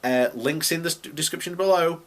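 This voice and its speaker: A man with a fairly high voice talks at a quick clip, offering off-the-cuff, opinionated commentary as a video blogger. He sounds emphatic and indignant, repeating himself to hammer his points home.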